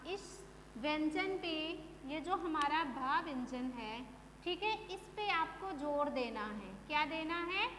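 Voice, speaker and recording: Woman teacher, high voice, unhurried lesson pace with long reverb around her. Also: animated, a bit bright. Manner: slow drawn-out drilling of words, then brisk explanation. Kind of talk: Hindi phonics lesson for children. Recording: echoey room, faint hum.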